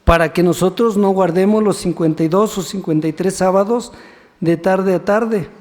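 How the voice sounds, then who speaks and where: A man's voice: sits high, moderate pace, darkish tone. A man, a deacon preaching a sermon who keeps asking rhetorical questions and prompts the congregation to finish verses. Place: church sanctuary. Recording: long church reverb.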